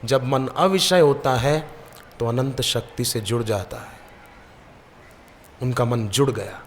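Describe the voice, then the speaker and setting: A man's voice: mid-range voice, slow, slight background noise. Man preaching in a reverberant hall. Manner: lively storyteller who acts out the people in his anecdotes. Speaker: spiritual preacher. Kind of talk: devotional sermon with storytelling. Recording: long reverb of a large hall.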